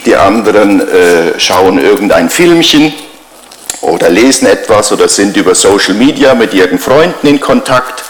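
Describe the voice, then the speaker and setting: Middle-aged male pastor, lowish voice, chatty sermon full of rhetorical questions, roomy church sound. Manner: conversational, builds on repeated rhetorical questions.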